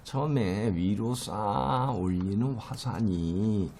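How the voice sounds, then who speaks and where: A man's voice: fairly low pitch, slow, darkish tone, slight background noise. A middle-aged man teaching a recorded lecture, explaining terms patiently with many fillers and stressing English words strongly.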